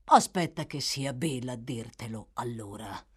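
A woman reading an audiobook voices a sly, sullen old man with a low, curt delivery. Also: expressive, measured pace, breathy edge, full character voice. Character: sullen old male schemer, sly and gruff.

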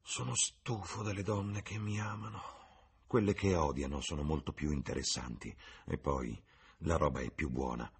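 A man voicing a restless, haunted young gentleman who speaks curtly and irritably. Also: rumbling low, normal speed, breathy edge, exaggerated voice. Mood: weary.

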